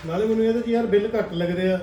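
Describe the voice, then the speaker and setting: A man's voice: sits high, steady tone, very fast, dark tone, husky, faint music behind. A man playing a furious betrayed son. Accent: Punjabi. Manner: heated, agitated complaining. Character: angry grown son betrayed by his brother. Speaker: actor in a family web drama.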